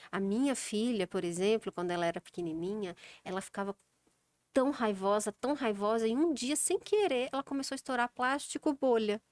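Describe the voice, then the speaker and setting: A woman's voice: mid-range voice, dry recording. Practical Brazilian woman explaining. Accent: Brazilian Portuguese. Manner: practical, explains with acted everyday examples. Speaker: child sleep specialist guest. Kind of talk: casual interview talk.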